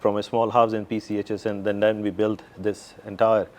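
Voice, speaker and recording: A man's voice: fairly low pitch, little pitch movement, brisk. A middle-aged man with a Pakistani accent, giving conversational answers as a company executive in an interview. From Pakistan and the Middle East, mainly Saudi Arabia. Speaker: interview guest, company CEO.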